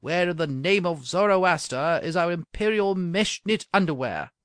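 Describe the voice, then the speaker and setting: A man's voice: sits high, animated, a bit bright, smooth, dry recording, clean studio sound, voice pushed up. A man voicing a flustered, impatient king hurrying his servants. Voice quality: hurried, flustered. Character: flustered young male king, golf-mad and impatient.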